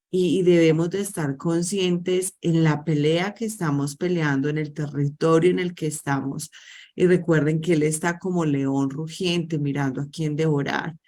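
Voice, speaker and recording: Low-voiced woman preaching to women. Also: darkish tone. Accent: Colombian Spanish. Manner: exhorting, preacherly. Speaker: host. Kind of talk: spiritual teaching talk.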